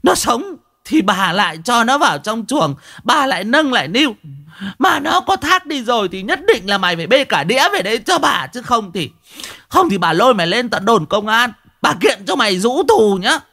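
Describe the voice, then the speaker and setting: A man voicing a foul-mouthed old village woman who hurls rapid-fire curses and drawn-out wailing laments. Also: very high voice, sing-song, pushed and bright, voice pushed up, exaggerated voice. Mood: cursing.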